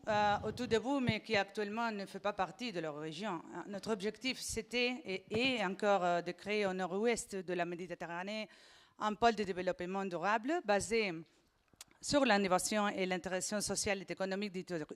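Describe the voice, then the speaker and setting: A woman's voice: medium pitch, clear, resonant tone. A woman speaking with a foreign Catalan accent, giving a prepared speech from notes in a slightly nervous, hesitant manner. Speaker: secretary general of a Euroregion body, invited speaker.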